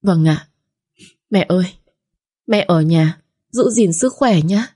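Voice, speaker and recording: A woman's voice: lowish voice, animated, slow, mellow. A woman doing a remorseful young mother. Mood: tender. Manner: tearful, apologetic.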